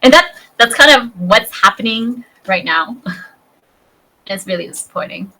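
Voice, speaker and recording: Woman, 30s, podcast guest. Bubbly and talkative, bright tone. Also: expressive, measured pace, rough recording. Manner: bubbly, chatty, acts out high-pitched voices in her stories. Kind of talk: casual podcast chat.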